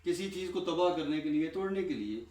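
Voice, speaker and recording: Addressing trainees as a guest speaker, a man with a fairly high, somewhat mellow voice and lively intonation talks passionately, asking rhetorical questions he then answers, with heavy repetition. It's recorded from a distance in an echoey room.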